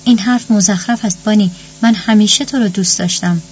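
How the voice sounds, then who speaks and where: A woman's voice: medium pitch, darkish tone, lightly acted. Cold proud mother, as a woman reads her. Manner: cold and dismissive. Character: cold, proud, sickly middle-aged mother. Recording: muffled recording with faint hum.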